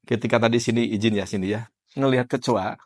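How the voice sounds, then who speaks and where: Man, trainer, casual classroom lecture, everyday examples, asks the class questions, mid-pitched voice. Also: steady tone, quick pace, darkish tone. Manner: conversational, quizzes participants by name. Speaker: NLP trainer.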